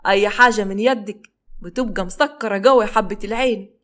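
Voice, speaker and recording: A woman voicing a doting, quick-tempered husband from Egypt. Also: mid-range voice, fairly bright tone, natural voice.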